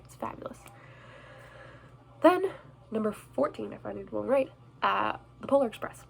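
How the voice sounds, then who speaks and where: A woman's voice: medium pitch, vocal fry, poor audio. A young woman chatting casually on a vlog, bubbly and self-deprecating, recorded indoors. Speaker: vlogger. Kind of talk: casual chat reviewing movies. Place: indoors in front of a Christmas tree.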